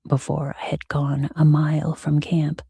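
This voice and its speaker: A woman reading as a sleep story narrator in a hushed, soothing, breathy ASMR whisper with soft pauses. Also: sits low, completely flat delivery, dry recording, clean studio sound.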